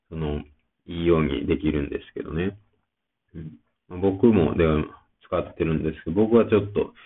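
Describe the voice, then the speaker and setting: A man with a Kansai accent talks alone in a relaxed, rambling way, stopping often on small fillers. His voice sits very low and has a gravelly edge. It comes through tinny, like a phone line. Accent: Kansai Japanese. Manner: rambling, chatty, many fillers. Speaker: podcast host. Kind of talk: casual solo talk.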